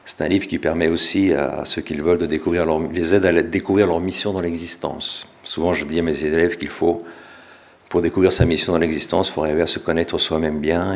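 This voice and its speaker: A middle-aged French man, an author, giving a relaxed public talk with small self-corrections. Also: very deep voice, fairly quick, vocal fry. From France. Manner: relaxed, self-deprecating, with restarts. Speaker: author and speaker.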